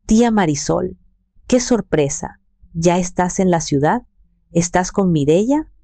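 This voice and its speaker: A woman voicing a young woman in her twenties, a lively and urgent niece in a storybook narration. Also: lowish voice, unhurried, no echo. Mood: cheerful. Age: 20s.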